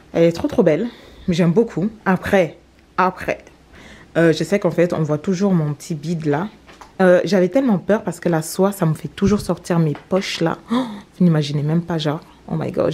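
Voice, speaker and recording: A woman's voice: on the low side, a little mellow. A young woman from Cameroon with a French accent, chatting casually to her vlog audience, rambling with lots of fillers. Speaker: vlogger.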